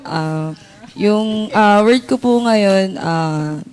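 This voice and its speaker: A woman's voice: medium pitch, extremely slow, darkish tone, low-quality recording. A woman, a shy and hesitant guest on a church program. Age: 20s.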